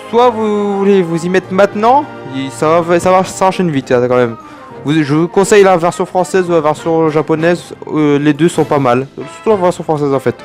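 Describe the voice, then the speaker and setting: A young man from France casually reviewing an anime, rambling and digressive with chatty asides to his viewers. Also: a little high.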